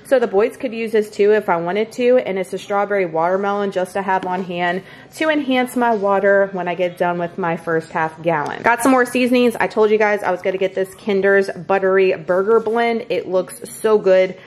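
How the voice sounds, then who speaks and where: A woman vlogger at home in her kitchen shows her grocery haul, chatting upbeat and straight to camera with hardly any pauses. Her medium-pitched voice is a little mellow and moves at normal speed, though the recording quality is low.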